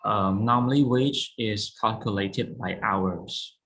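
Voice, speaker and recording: Man teaching English, gravelly voice. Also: fairly low pitch, slow, a bit bright, poor audio. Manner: explains patiently, checks with "right?". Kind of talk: online vocabulary and pronunciation lesson.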